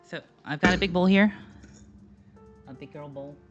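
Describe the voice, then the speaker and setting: A woman's voice: on the low side, normal speed. A woman chatting casually while cooking on a live stream, rambling with lots of fillers and jokes. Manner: rambling, filler-heavy, jokey. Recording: slightly dull lo-fi sound with faint music.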